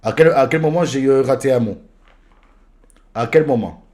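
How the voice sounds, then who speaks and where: Young man livestreaming, joking and loud. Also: medium pitch, moderate pace. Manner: joking, reads viewer messages aloud with bursts of loud excitement. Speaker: live streamer. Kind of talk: casual live-stream chat. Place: at home in his apartment.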